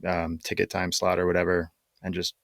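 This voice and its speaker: A man co-hosting a podcast, talking casually and explaining things with many fillers and pauses. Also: sits low, completely flat delivery, vocal fry, no echo, clean studio sound. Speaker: podcast co-host. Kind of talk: casual chat.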